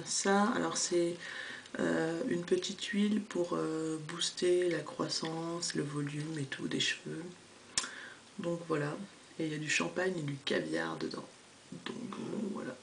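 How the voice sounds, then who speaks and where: Hesitant woman vlogger, low voice. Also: slight background noise. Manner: hesitant, many fillers, self-correcting. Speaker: vlogger reviewing hair products. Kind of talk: casual haul vlog.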